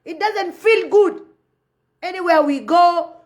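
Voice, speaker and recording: A woman's voice: extremely high pitch, takes it slowly. A woman from Sudan, giving passionate, preachy commentary on a live phone video and repeating her points. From South Sudan. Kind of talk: impassioned live-stream commentary.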